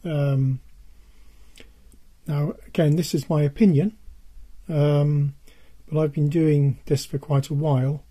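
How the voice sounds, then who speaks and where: Older man, husky voice giving out. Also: on the high side, fairly even intonation, dark tone. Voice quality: husky, dull and worn. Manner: halting, repeats points for emphasis. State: losing his voice, hoarse and giving out. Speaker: presenter of a music tech video. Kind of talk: casual product-advice talk.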